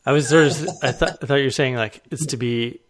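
A man's voice: mid-range voice, brisk, a little hiss or hum. Laid-back male podcast host. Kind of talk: casual conversation.

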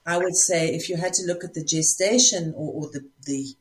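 A woman's voice: on the low side, a little fast, slight background noise. Reflective South African woman. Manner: reflective, searching for words. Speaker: spiritual teacher. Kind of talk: casual conversation.

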